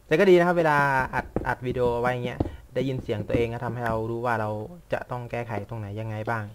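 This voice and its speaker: A man's voice: mid-range voice, quick pace, noisy background. Rambling young man muttering at a game. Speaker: gaming vlogger. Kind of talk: casual chat while playing.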